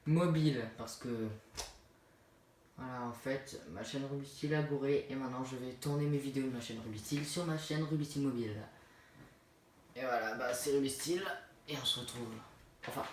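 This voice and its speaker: A man rambles through a relaxed let's play, correcting himself mid-sentence and chatting to his viewers. His voice sits in the middle range and is caught by a phone some distance away, so the room rings around him and a faint hiss sits underneath. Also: medium pitch, normal speed, long pauses, very echoey. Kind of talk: casual gameplay commentary. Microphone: phone filming the screen.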